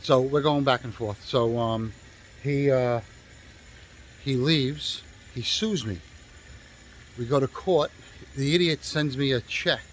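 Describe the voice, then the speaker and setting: A man's voice: medium pitch, slow, pauses often, a little hiss or hum, poor audio. A male real estate agent telling a story in a casual, rambling way, swearing freely and stopping often to restart with fillers.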